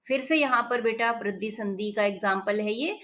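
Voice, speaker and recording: A woman's voice: a little high, moderate pace, a bit bright. A woman teaching a textbook lesson, patiently explaining each word's meaning and repeating it. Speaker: Sanskrit teacher.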